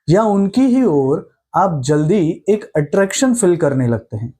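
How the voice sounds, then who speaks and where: A man guiding a past-life regression meditation, explaining calmly and patiently, then leading listeners into relaxation. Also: fairly high pitch. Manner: calm, unhurried, reassuring explanation; slower and softer when guiding the meditation. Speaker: hypnosis meditation guide. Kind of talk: slow guided meditation instruction.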